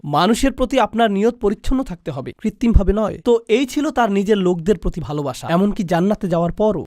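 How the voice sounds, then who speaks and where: A man's voice: high voice, dry recording, clean studio sound. A man giving a dubbed religious lecture, asking rhetorical questions and repeating points for emphasis. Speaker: Islamic lecturer.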